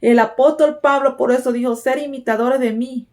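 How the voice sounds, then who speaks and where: A woman's voice: sits high, steady tone, normal speed. A woman preaching a sermon in an earnest, exhorting way, often asking her listeners "right?" and repeating her phrases. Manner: repeats "¿verdad?" and "déjenme decirle" as fillers.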